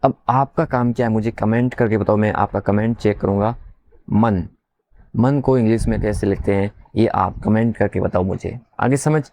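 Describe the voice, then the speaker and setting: A man teaching beginners to spell, slowly repeating sounds and letters and asking his listeners questions back. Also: on the low side, a little mellow. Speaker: English teacher. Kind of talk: slow spelling lesson for beginners.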